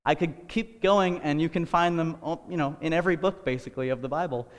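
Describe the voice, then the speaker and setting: A podcast host preaches in a brisk, high-leaning male voice that echoes as if in a large hall. Sounding out of breath, he delivers an earnest, conversational sermon-style talk full of casual asides and fillers.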